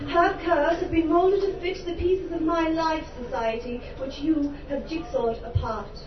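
In a high, steady voice at a measured pace, an Irish poet performs spoken word at a live venue while a crowd is heard in the background. Her delivery is impassioned and theatrical, with wry, humorous asides. The recording is roomy, distant and dull, with background noise.

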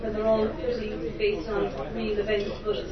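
This Irish woman's spoken word performance before a live audience comes in a mid-range, monotone voice at a moderate pace, amid crowd noise. She is impassioned and theatrical, with wry humorous asides. The live recording is roomy, distant and dull, with background noise.

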